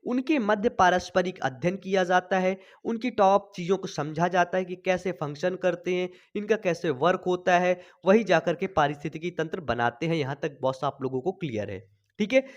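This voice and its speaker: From a small home studio, a young man delivers an online biology lecture through a sensitive desk mic, and the sound is lo-fi. His voice sits high, and because he's recovering from a cough he talks slowly, chatting away and constantly asking "thik hai" to check on his students.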